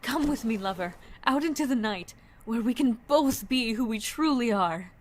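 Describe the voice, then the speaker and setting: A woman's voice: a little high, animated, moderate pace. A woman voicing a seductive, willful and playful masked cat burglar with a sultry, theatrical delivery in a comic dub. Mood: seductive, coaxing.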